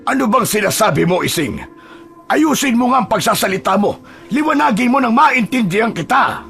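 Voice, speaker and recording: A man voicing a gruff middle-aged village chief who questions sharply and warns of danger. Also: sits high, sing-song, moderate pace, a bit bright, soft background music, pitched above the performer's own voice, heavily acted. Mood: skeptical. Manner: brusque, questioning, cautioning.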